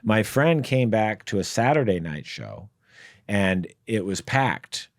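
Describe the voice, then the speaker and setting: A man's voice: on the low side, sing-song, slow, no room sound, studio quality. A man, a guest comedian, telling rambling anecdotes in casual podcast chat, with many fillers and laughs. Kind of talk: casual storytelling. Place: podcast studio.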